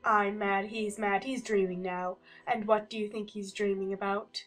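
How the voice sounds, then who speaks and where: A woman's voice: mid-range voice, steady tone, normal speed, fairly bright tone, soft background music, lightly acted. A woman playing a mad, teasing talking cat who speaks in matter-of-fact riddles in a dramatized audiobook.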